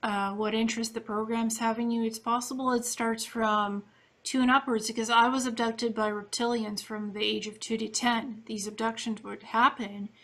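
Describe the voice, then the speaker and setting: A woman's voice: a little high, little pitch movement, normal speed, a bit bright. A woman from Ukraine interviewing a guest in a casual, earnest, matter-of-fact way.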